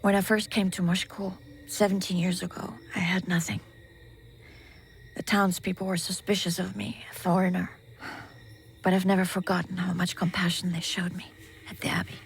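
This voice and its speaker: An actress playing a gentle, protective, wistful middle-aged mother in an animated series, speaking softly and earnestly. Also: fairly low pitch, normal speed, gravelly, slight background noise.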